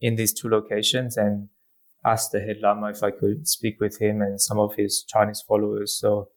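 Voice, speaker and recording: Hesitant low-voiced Australian man. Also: monotone, normal speed. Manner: hesitant, many ums and uhs. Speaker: guest author, lecturer. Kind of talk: academic interview answers.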